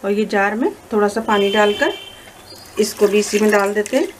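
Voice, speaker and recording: A woman explaining a recipe step by step in a calm, instructive voice-over as cooking show host. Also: mid-range voice, moderate pace, noisy background. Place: home kitchen.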